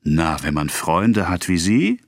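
A man's voice: low-pitched, sing-song, takes it slowly, no echo, clean studio sound, exaggerated voice. A man reading the part of a scheming, mocking merchant who pressures a debtor. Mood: cold. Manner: sneering, mocking. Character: scheming mocking male merchant, cold and sneering.

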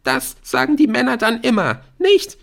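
A man's voice: extremely high pitch, huge pitch swings, moderate pace, creaky, a bit bright, voice pushed up, exaggerated voice. A man voicing a distressed teenage schoolgirl who is crying and forcing out broken, choked syllables. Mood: sobbing, distraught. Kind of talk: audiobook character voice.

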